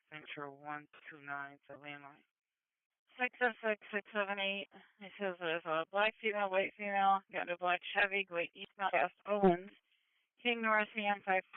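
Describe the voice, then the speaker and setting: A man with a fairly high, very clear voice gives clipped, code-heavy dispatch calls over police scanner radio. The sound is narrow and tinny like a radio channel, with no room around it. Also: dry recording. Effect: police scanner radio transmission.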